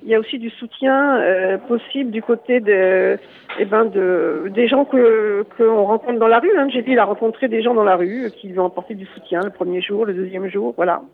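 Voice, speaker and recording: A man from Lyon speaking as a guest on a radio show over a phone line, halting and full of fillers. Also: sits high. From Lyon area, France. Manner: hesitant, halting, many fillers and restarts. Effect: heard over a phone line.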